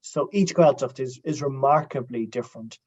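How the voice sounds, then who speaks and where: An Irish man, a writer and guest in an interview, telling lively stories and dropping in Irish-language phrases. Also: mid-range voice, moderate pace, muffled recording. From Ireland. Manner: animated storytelling, quotes Irish phrases. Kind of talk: casual interview talk.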